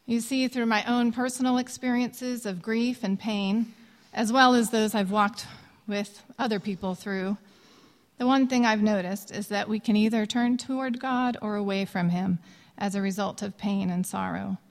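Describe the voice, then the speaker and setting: A woman in her thirties who grew up in Indonesia, earnestly and gently introducing a worship song she wrote. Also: medium pitch, fairly even intonation, moderate pace. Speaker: songwriter. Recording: long reverb with soft music behind.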